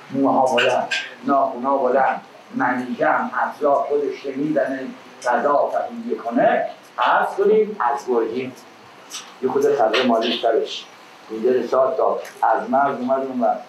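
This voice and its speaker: A man telling tales as a traditional epic teahouse storyteller, theatrical, moving between declaimed verse and colloquial prose. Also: mid-range voice. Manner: theatrical, with raised declaimed calls and drawn-out verse. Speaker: traditional Persian storyteller (naqqal). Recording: echoey room with faint background noise.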